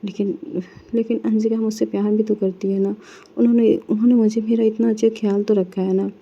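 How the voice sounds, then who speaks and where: A wounded but loving young woman, as a woman narrator puts her on questions her partner in a reproachful way. The tone is dark and mellow with a narrow pitch range, and the recording is a little muffled. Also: little pitch movement, brisk, gravelly. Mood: troubled.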